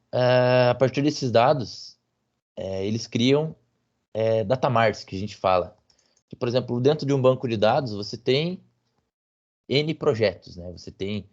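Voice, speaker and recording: A man's voice: lowish voice, a little mellow. A man giving a technical talk as a guest speaker, hesitant, with many fillers and tag questions, over a video call. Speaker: guest speaker on business intelligence. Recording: muffled lo-fi audio.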